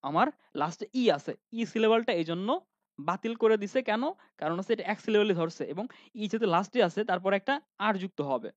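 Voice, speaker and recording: A man's voice: sits high, animated, moderate pace, no echo. Guy teaching grammar online, keeps asking then answering himself, lots of ums, dull dry audio. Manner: asks students questions and answers them himself, with frequent fillers.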